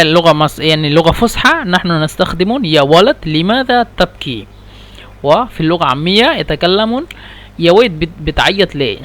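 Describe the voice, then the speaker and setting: A man with a high voice teaches a language lesson. He repeats each phrase again and again and spells words out letter by letter. His pace is patient and careful. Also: fairly bright tone. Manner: patient and repetitive, slow careful drilling. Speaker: Arabic teacher.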